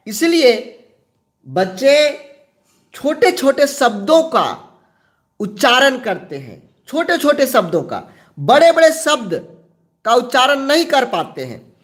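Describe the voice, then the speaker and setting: A male teacher giving an exam-prep lecture, slowly repeating key terms and answering his own questions. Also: extremely high pitch, very animated, fairly bright tone.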